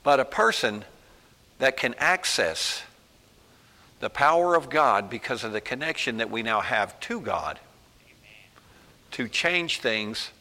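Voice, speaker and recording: A man preaches in a slow, folksy storytelling manner, with casual asides between emphatic points. His voice is bright and forceful. A long reverb from the hall follows his words. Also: medium pitch, animated. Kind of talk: sermon.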